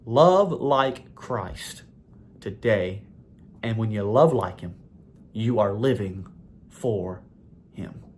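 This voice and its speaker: A man preaching a sermon in an earnest, exhorting manner, repeating phrases and pushing higher and louder to drive points home. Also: slow, pauses often, slight background noise.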